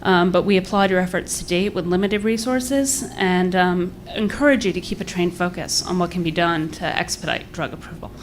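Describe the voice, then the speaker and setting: A woman's voice: lowish voice, moderate pace, hardly any pauses, a little hiss or hum. A woman giving earnest, polite public remarks in a formal register, a little short of breath. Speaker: advocacy group director giving public comment. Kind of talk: prepared public remarks, partly off the cuff.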